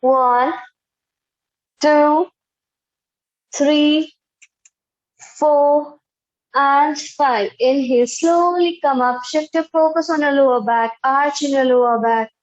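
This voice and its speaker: A young woman in her twenties with an Indian accent, leading a live online yoga class in measured short commands and slow counts, over roomy, dull video-call audio. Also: high-pitched, fairly even intonation. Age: 20s. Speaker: yoga instructor. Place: indoor bare room, online video class.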